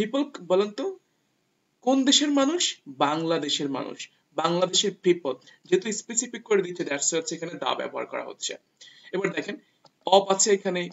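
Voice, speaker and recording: A man's voice: on the high side, vocal fry. A man teaching English grammar to viewers, patiently repeating each rule step by step. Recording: dull lo-fi sound.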